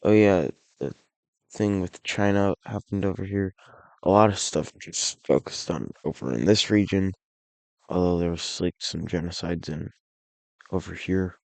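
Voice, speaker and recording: He's unhurried and loose, this map series creator, narrating an alternate-history map while repeatedly stopping, restarting and correcting himself. The low, raspy, gravelly voice sounds hoarse, like he's somewhat unwell. No echo or room sound comes through; the recording is dry and close.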